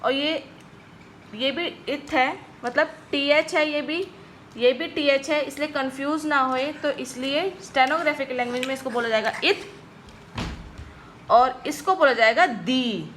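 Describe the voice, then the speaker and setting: A woman's voice: sits high, measured pace, a bit bright, a little hiss or hum. A woman teaching a stenography lesson, patiently explaining each stroke and often checking in with her viewers. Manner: patient, repeats "ठीक है guys" often.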